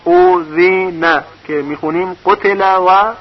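A man's voice: sits high, sing-song. A man teaching a recorded lesson on reading vowel marks, patiently spelling out syllables one by one. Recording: dull lo-fi recording.

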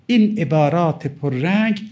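A man's voice: a little high, animated, dark tone. A middle-aged male cleric giving a religious sermon, emphatic and pleading as he quotes and explains Arabic texts. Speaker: cleric preacher.

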